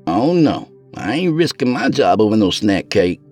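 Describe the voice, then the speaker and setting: A man's voice: lowish voice, sing-song, moderate pace, darkish tone, faint music behind, voice pushed up. A man voicing a cautious, slangy young woman working in a jail kitchen. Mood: wary. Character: wary young female inmate kitchen worker.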